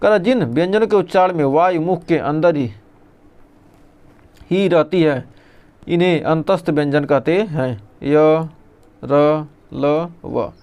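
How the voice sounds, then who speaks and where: A male teacher runs an exam revision lesson, reading lists aloud and answering the questions he puts to himself. His voice is smooth and clear and sits a little high for a man. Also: slow, pauses often, darkish tone.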